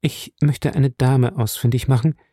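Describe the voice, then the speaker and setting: A man's voice: medium pitch, fairly even intonation, a little slow, dark tone, no echo, clean studio sound, lightly acted. A man reading an audiobook, voicing an earnest, composed young woman.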